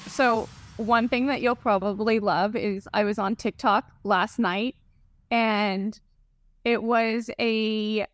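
A woman's voice: mid-range voice, fairly even intonation, slow, no room sound. A middle-aged woman talking casually and emphatically as a guest expert in an interview. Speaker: podcast guest, esthetician and company founder.

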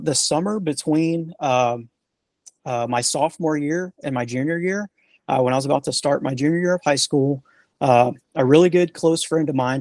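A retired Army sergeant, a man, being interviewed, telling stories in a relaxed, rambling way full of fillers and restarts. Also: medium pitch, gravelly, no echo. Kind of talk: casual storytelling interview.

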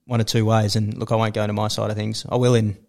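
A man's voice: fairly low pitch, little pitch movement, fast talker, creaky, a little mellow. An Australian man hosting a podcast who encourages his guest and asks probing questions in a casual conversation. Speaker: podcast host.

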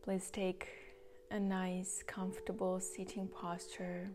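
Slow, soft-spoken woman guiding meditation. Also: fairly low pitch, monotone, background noise. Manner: slow, soft, partly whispered guidance. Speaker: meditation guide. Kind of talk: guided meditation.

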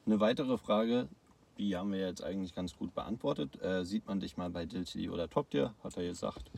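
A man hosting a podcast, casually reading out listener questions in relaxed slang. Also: sits low, brisk, creaky. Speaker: podcast host. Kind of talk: casual interview chat.

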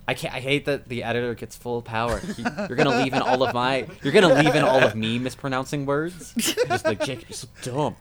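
A man's voice: medium pitch, a little fast, few pauses, over a noisy crowd. Casual man running a tabletop game. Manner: casual, self-correcting, laughs at own jokes. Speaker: game master.

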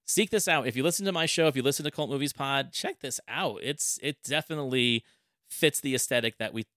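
An enthusiastic male podcast host in casual chat, telling things in an animated way. His voice sits in a mid range and sounds dry and close, with no room around it. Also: medium pitch, brisk, no room sound.

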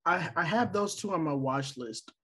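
A man co-hosts a podcast, chatting casually and rambling with plenty of fillers and restarts. His voice is on the high side, animated, a bit bright and breathy, at a moderate pace.

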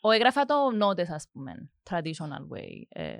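This young woman studies music production and answers interview questions casually in a Cypriot Greek accent, hesitating with many fillers and slipping in English words. Her low voice swoops wildly in pitch and has a creaky quality, with no echo.

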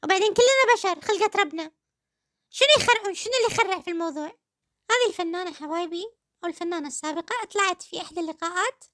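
Kuwaiti woman podcast host, quick, high-pitched, mocking commentary in a dry booth. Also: a bit bright, no echo. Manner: sarcastic, addresses listeners fondly. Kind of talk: satirical commentary.

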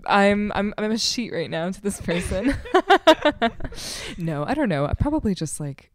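A woman's voice: medium pitch, sing-song, unhurried. Rambling woman guest, laughing a lot. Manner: rambling, filler-heavy, laughs often. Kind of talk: casual podcast chat.

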